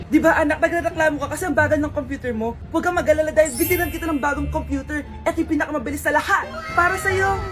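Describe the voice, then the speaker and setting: A woman's voice: high voice, very fast, hardly any pauses, lightly acted. A woman acting a doting, overly sweet mother in a comedy skit, talking affectionately over background music. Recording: music playing underneath.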